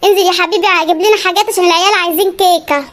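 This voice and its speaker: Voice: extremely high pitch, fairly even intonation, very fast, fairly bright tone. A voice actor playing a bossy, scatterbrained cartoon housewife with an Egyptian accent, scolding and exclaiming. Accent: Egyptian Arabic. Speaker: cartoon wife. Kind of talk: comedy cartoon voice acting.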